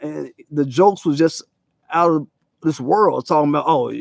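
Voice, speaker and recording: A man's voice: a little high, moderate pace, gravelly, no room sound, studio quality. A man hosting his own channel, giving a profane, emphatic commentary monologue full of rhetorical questions. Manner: mocks others in quoted voices. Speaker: channel host.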